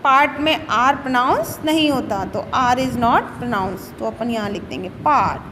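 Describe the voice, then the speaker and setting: A high-pitched woman teacher who reads English lines slowly and deliberately, then switches to quick Hindi explanations for her young pupils. Her voice carries a long reverb, as if recorded in a large hall, with a faint hiss underneath. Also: sharp tone. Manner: addresses pupils fondly as "beta". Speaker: school teacher.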